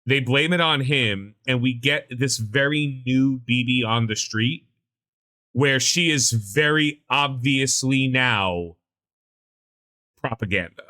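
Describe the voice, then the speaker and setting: A man co-hosting a casual pop-culture podcast, talking in an animated, sarcastic rant with frequent swearing. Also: mid-range voice, slow. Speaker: podcast co-host.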